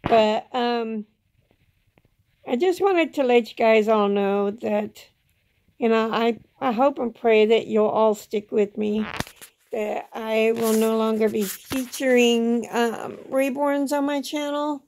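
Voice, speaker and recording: A woman's voice: a little high, slow pace, darkish tone, slight background noise, poor audio. A middle-aged woman giving a casual, rambling personal update to camera, plainspoken, with slightly slurred, toothless articulation. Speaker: vlogger. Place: small indoor room at home. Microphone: phone at arm's length.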